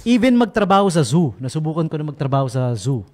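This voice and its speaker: A Filipino radio DJ hosts a late-night show from a radio studio, his highish, darkish voice sing-song and fast, with faint music behind. He tells a comic story playfully, often breaking into chuckles.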